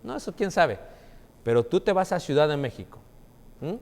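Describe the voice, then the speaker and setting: Lively Mexican preacher in a reverberant hall. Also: male voice, on the high side, moderate pace. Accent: Mexican Spanish. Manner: animated storytelling, asks the audience questions and answers them himself. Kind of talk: sermon with personal stories. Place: church hall.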